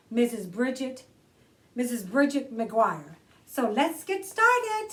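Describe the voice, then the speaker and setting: Reading aloud at a children's storytime, a woman with a somewhat high voice performs the storybook expressively and speaks to the young listeners in a theatrical way. Her voice is picked up by a distant mic.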